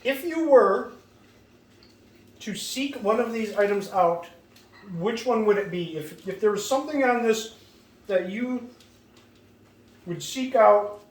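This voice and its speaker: A man's voice: high voice, lively intonation, slow, pauses often, echoey room, distant mic, poor audio. A man hosting a casual mukbang at a food-laden table, putting questions to his guests in playfully formal phrasing. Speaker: host of a food mukbang show.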